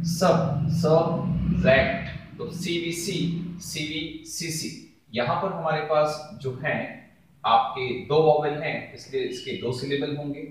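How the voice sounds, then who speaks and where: A male teacher explains a lesson, stretching out each word slowly as he drills its sounds. His voice sits a little high for a man. It rings around a very echoey room. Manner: slow, drawn-out word pronunciation drills. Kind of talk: classroom-style lesson explanation.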